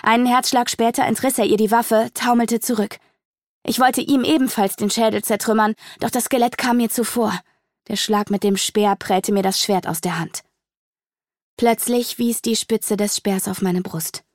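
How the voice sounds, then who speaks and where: A woman narrating a dark fantasy audiobook in a measured storytelling manner, slowing down for the tense moments. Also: on the high side, steady tone, no room sound, clean studio sound. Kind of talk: dramatic fantasy audiobook reading.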